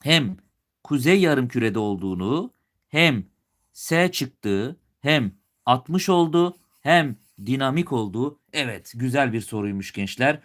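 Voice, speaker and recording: With a medium-pitched, somewhat bright voice and lively intonation, a male teacher from Turkey speaks a little slowly during a live exam review session. He poses each question to students and answers it himself, his Turkish accent sometimes carrying a faint regional lilt he puts on.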